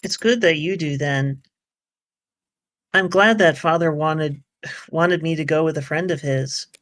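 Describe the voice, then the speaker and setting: Gentle earnest android girl. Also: low-pitched, a little slow. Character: polite naive female android companion.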